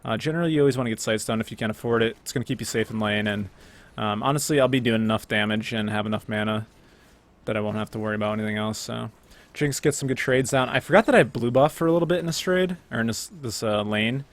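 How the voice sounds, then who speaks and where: Young man, gameplay commentary, casual, chatty, self-correcting, relaxed. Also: mid-range voice, fast talker.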